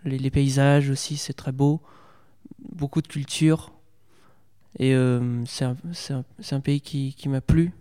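Young male interviewee, hesitant and halting, flat warm voice, reverberant room. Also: medium pitch, smooth. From Portugal. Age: young adult. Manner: hesitant, many fillers and restarts. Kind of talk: casual interview.

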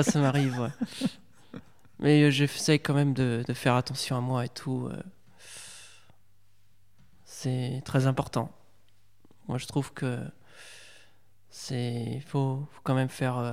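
Young male interviewee, hesitant and halting, flat warm voice, reverberant room. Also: mid-range voice. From Portugal. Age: young adult. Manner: hesitant, many fillers and restarts. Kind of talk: casual interview.

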